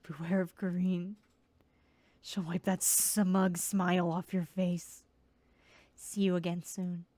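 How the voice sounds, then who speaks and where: A woman reading the lines of a cryptic, sinister male food creature in a video game, in a low, taunting and ominous manner. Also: level tone, slow, pauses often, dark tone, dry recording.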